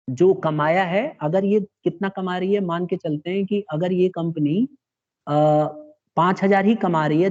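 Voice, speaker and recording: A man explains a classroom lecture step by step, checking in with his students along the way. His voice is fairly high-pitched and mellow, captured in a dull, lo-fi classroom recording.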